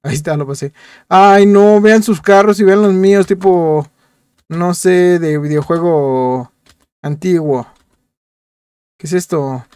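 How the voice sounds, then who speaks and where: A man with a fairly high voice gives playful, chatty commentary as he plays, often repeating short words in quick bursts. He addresses his viewers directly and jokes along the way. The sound is dry and close, with no room around it. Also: darkish tone, smooth, no echo. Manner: chatty, jokey, talks to viewers while playing. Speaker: gameplay youtuber. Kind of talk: casual game commentary.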